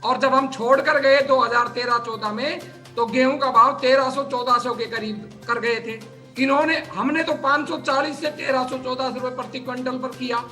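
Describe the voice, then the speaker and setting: A man's voice: extremely high pitch, fairly even intonation, normal speed, pushed and bright, faint music behind. A man arguing as a party spokesman in a heated TV debate, rattling off figures and talking over others.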